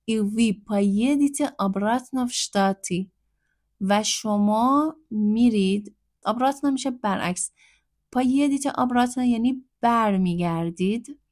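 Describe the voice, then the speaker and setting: A woman's voice: on the high side, a little mellow, no room sound, clean studio sound. Patient woman teaching a language. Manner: patient, explanatory, repeats phrases slowly. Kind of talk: language lesson explanation.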